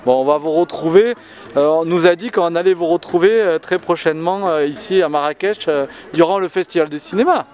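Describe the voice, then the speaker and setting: A man's voice: a little high, brisk, a little mellow. A man off camera asking playfully formal, reporter-like interview questions outdoors.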